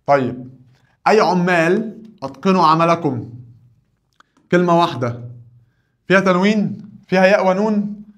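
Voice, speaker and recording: A man's voice: high-pitched, moderate pace, pauses often, fairly bright tone. Egyptian man drilling grammar questions. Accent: Egyptian Arabic. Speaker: Arabic teacher.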